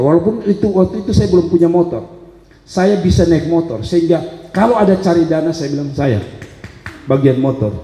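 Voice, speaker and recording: A man's voice: fairly high pitch, mellow. A middle-aged man with a Kupang-tinged accent, preaching a sermon as a pastor and telling personal stories in a chatty way with humorous asides. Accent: Kupang Malay-tinged Indonesian. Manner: conversational storytelling with humorous asides. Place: church hall. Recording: echoey church hall with long reverb.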